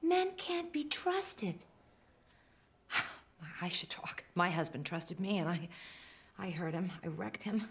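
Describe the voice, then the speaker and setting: An actress playing a weary, jealous middle-aged woman who stammers nervously and swings from hushed to agitated. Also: medium pitch, big pitch swings, normal speed. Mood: bitter. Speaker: actor in a film scene. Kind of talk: naturalistic film acting.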